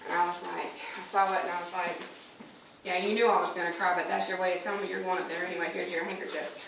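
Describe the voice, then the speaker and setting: A woman's voice: lowish voice, little pitch movement, fast, vocal fry. A woman giving a personal spoken testimony in church, telling her story and acting out her conversations with God. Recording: echoey room from a distant mic, faint noise.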